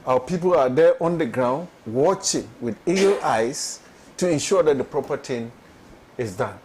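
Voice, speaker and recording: A Ghanaian man speaking as a politician guest on a studio panel, measured and earnest. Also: mid-range voice, expressive, a little mellow, a little hiss or hum, low-quality recording.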